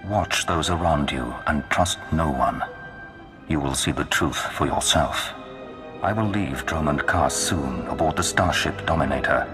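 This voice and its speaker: A menacing Sith dark lord in a video game, with an extremely low voice. He speaks with slow, grandiose command. Long reverb surrounds him and music plays clearly behind. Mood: ominous, grandiose. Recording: long hall reverb under loud music.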